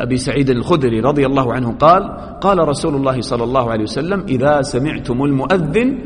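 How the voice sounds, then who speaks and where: A man teaching a religious lesson to young students, quizzing the class, praising their answers and swinging between loud emphasis and quiet asides. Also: on the high side. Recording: long reverb, faint background noise.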